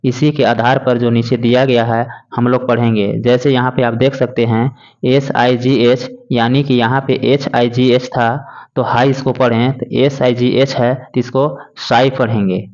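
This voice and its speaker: Guy teaching a class, goes slow letter by letter, pretty flat delivery, muffled lo-fi audio. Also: mid-range voice. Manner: slow, patient spelling out letter by letter. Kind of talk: classroom lesson explaining English words in Hindi. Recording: dull lo-fi recording.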